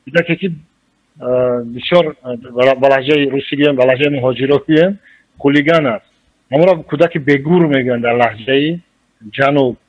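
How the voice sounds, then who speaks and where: A man with a Tajik accent, a journalist answering in a radio interview, speaking slowly and deliberately as he explains. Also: medium pitch. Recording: muffled radio recording.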